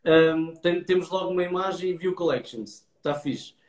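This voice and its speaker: A man's voice: fairly high pitch, moderate pace. A man with a European Portuguese accent giving casual advice in an explanatory way, often checking in with short tag questions. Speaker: adviser giving website feedback. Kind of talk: casual advisory chat. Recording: echoey room.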